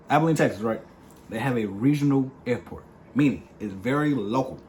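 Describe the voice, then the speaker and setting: A young man spinning a story in casual, slangy chat, his pitch jumping up and down as he acts out his own lines. The recording carries a faint hiss of background noise. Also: moderate pace. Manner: animated, slangy, playful storytelling. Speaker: vlog co-host.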